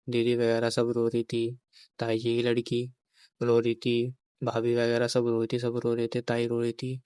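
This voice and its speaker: A young vlogger with a mid-range, slightly mellow, clear and resonant voice recounts a painful personal memory in a storytelling vlog, recorded with no room sound. Grieving, he often repeats his phrases and quotes what others said in dialogue.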